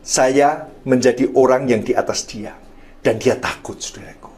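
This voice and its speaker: A middle-aged man preaching a sermon, telling a story and often addressing listeners as brothers and sisters, his phrases trailing off softly. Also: medium pitch, steady tone, moderate pace. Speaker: pastor.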